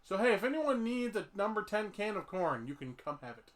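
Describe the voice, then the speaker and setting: A man's voice: high-pitched, big pitch swings, brisk, a bit bright. A man hosting a podcast, rambling through a casual comedic chat and laughing often. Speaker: podcast host.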